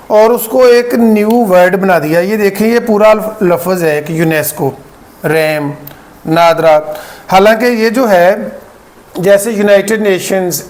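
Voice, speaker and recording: A man gives a grammar lesson in a fairly high voice. He talks slowly and deliberately, spelling out letters one at a time and pausing to check that his students keep up. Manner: deliberate, spells out letters, repeats "theek hai" to check understanding. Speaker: English teacher.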